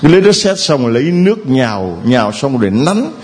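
A man's voice: mid-range voice, big pitch swings, quick pace, darkish tone. A man preaching a homily who keeps a playful tone, quizzing the congregation with questions and chuckling between points. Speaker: priest.

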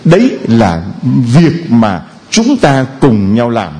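Priest exhorting a congregation. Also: male voice, mid-range voice, wildly swooping pitch, slow, mellow, low-quality recording. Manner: exhorting, prods with short questions. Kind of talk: sermon and questioning a congregant.

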